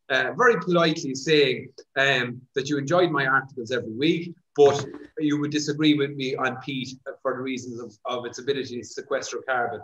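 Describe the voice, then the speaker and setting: A man's voice: mid-range voice, fairly bright tone. A man hosting a casual interview, speaking conversationally with fillers like "like" and "uh". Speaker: podcast host, vet. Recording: echoey room.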